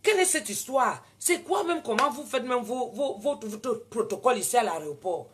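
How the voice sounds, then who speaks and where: A woman with a Cameroonian French accent telling a story in casual talk, animated and prone to loud indignant outbursts. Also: a little high, moderate pace. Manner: animated, switches into loud indignant retorts when quoting herself. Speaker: vlogger.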